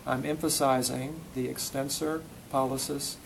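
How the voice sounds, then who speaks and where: A man's voice: medium pitch, flat delivery, moderate pace, creaky. A man teaching a hands-on classroom demonstration, coaching with short repeated commands and quizzing students between steps. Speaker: instructor. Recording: noisy classroom recording.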